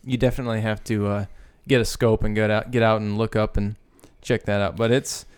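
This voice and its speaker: A man's voice: on the low side, level tone, fairly quick, a little mellow, clean tone. A man co-hosting a podcast in casual chat, rambling and jokey, repeating words as he goes. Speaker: podcast co-host.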